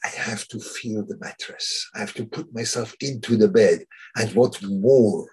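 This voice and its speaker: Husky low-voiced man giving Torah talk. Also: darkish tone. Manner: halting, searches for words, many restarts.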